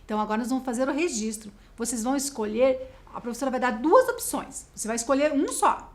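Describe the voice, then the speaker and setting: A Brazilian woman teaching a video lesson to schoolchildren, explaining slowly and spelling out words clearly. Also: high voice, expressive. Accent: Brazilian Portuguese.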